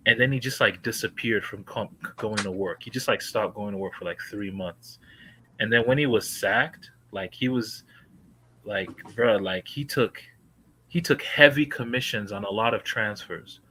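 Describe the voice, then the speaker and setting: A man's voice: lowish voice, bright, forceful tone, poor audio. A man on a football podcast giving long, slangy takes full of "like" in casual chat. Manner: slangy, talks in long run-on takes with many "like"s. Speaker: podcast panelist.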